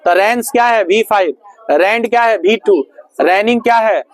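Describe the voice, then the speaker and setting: A man's voice: sits high, normal speed, rough recording. A male teacher running a grammar lesson in a classroom, firing repeated questions at his students.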